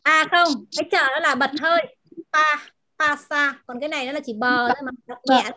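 A woman teacher in an online class, patiently explaining words and pronunciation and repeating them slowly over a video call. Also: high voice, bright, forceful tone. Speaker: language teacher.

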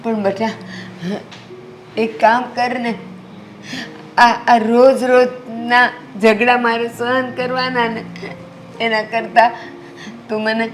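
A woman's voice: a little high, flat delivery, slow pace, pauses often, faint music behind. An actress playing a frail elderly mother-in-law who pleads plaintively for sweet tea. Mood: tearful. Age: older.

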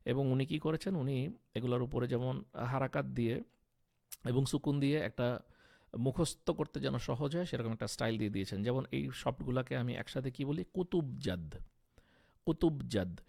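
A man's voice: medium pitch, fairly quick, vocal fry, darkish tone. A man teaching a Quran recitation lesson step by step, often asking a question and then answering it himself, with frequent hesitation fillers. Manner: patient, step-by-step, asks and answers his own questions. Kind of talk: explanatory lesson.

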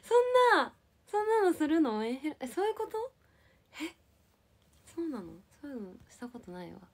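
A woman's voice: high voice, sing-song, moderate pace. A young woman from Japan casually chatting with viewers on a livestream, playful and giggly as she answers comments. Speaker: live streamer.

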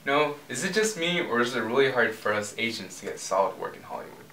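A man's voice: mid-range voice, very animated, quick pace, pushed and bright. A young man acting in an amateur student skit as an indignant actor who pushes back at an audition. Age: young adult. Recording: roomy, distant, faint noise.

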